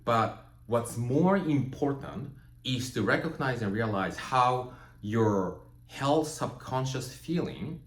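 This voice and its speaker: A man from Japan whose first language is Japanese, giving a measured, reflective spiritual teaching talk and often checking in with "right?" and "you know". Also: mid-range voice, expressive. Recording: roomy echo.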